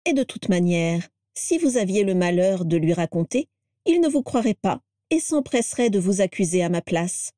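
A woman reading a storybook aloud and voicing a sly, mischievous witch who speaks with calm confidence. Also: medium pitch, moderate pace, no room sound, clean studio sound, close to an everyday voice.

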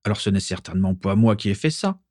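A man's voice: lowish voice, animated, fast, a little mellow, dry recording, studio quality. A man voicing an indignant young man who protests his innocence, in a storybook reading. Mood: defensive. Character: defiant young man, defensive and proud.

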